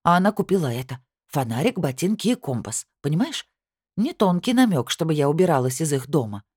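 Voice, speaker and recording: A woman's voice: low-pitched, sing-song, brisk, a little mellow, husky, dry recording, studio quality, heavily acted. A woman voicing an aggrieved young bride who complains heatedly in an audiobook. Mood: indignant. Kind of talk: audiobook character reading.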